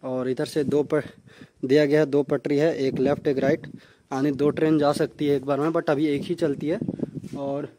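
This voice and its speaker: A man's voice: fairly high pitch, flat delivery, moderate pace, mellow, a little hiss or hum. Chatty young man from India vlogging outdoors. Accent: Jharkhand Hindi. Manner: chatty, repeats "guys" often. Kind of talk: casual walking travel vlog. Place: outdoors at a small railway station.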